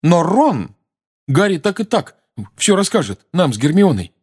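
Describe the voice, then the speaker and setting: A man with a husky voice reading aloud, voicing a hotheaded teenage boy who whines and pleads. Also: high voice, big pitch swings, unhurried, darkish tone, pitched above the performer's own voice, heavily acted. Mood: pleading. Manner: whining, pleading.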